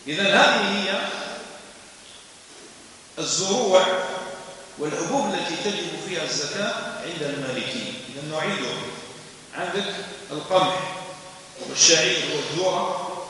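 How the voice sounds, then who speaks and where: A man with an Algerian accent, somewhat high-pitched and bright, teaches a mosque lesson. He moves between formal Arabic and dialect and spells out terms slowly. The recording is from a distance in a big reverberant hall with faint hiss. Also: lively intonation. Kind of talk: classroom religious lesson.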